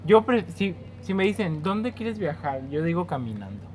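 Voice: medium pitch, normal speed, crowd noise. A young person with a Mexican accent, complaining expressively in casual chat with friends. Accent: Mexican Spanish. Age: young adult.

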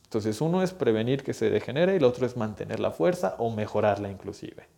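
Young man, physical therapist type, earnest and urgent, speaking straight to the viewer, warm low-key timbre. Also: expressive, a little fast, vocal fry. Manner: earnest, urgent, addresses listener directly. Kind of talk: direct-to-camera health advice.

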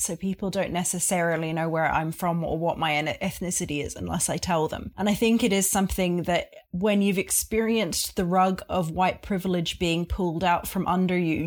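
Earnest woman with a lowish voice. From Australia. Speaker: guest.

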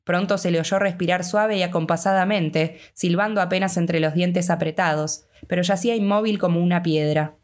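Reading a prepared script, this audiobook narrator keeps her delivery even and measured. She is a woman with a somewhat low voice and the accent of Rioplatense Spanish.

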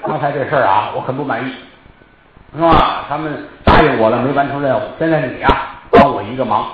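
A man's voice: medium pitch, fast talker, close to an everyday voice. Man doing a boastful tiger spirit. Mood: swaggering. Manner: boastful, swaggering. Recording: echoey, dull lo-fi, loud noise.

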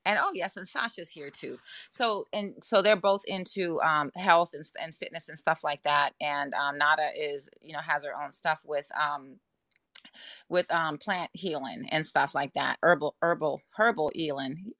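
A woman's voice: low-pitched, normal speed, sharp tone, no echo. A woman hosting an astrology podcast with traces of a Jamaican accent, talking casually and rambling through her points with many restarts. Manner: rambling, self-interrupting, conversational. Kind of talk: casual spoken talk to listeners.

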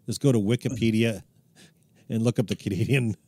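A man's voice: lowish voice, a little fast, a little mellow, husky, dry recording. A man co-hosting a podcast, asking wry, teasing questions in casual chat. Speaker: podcast co-host.

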